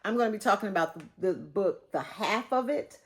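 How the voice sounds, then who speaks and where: A woman's voice: mid-range voice, animated, fairly quick. A woman in her fifties with a Texas accent, chatting casually as she reviews a book and addresses her viewers, rambling a little with plenty of ums. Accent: Texan. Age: 50s. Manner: chatty and rambling, calls viewers "y'all", many fillers.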